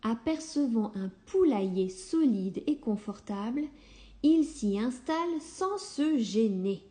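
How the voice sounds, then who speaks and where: A woman reading a children's story aloud in a calm, unhurried way. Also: a little high.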